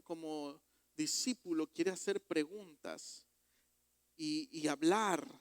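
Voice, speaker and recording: A man preaching a sermon as pastor, emphatic and rising to loud exhortations. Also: fairly high pitch, clear, resonant tone, no echo. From Ecuador.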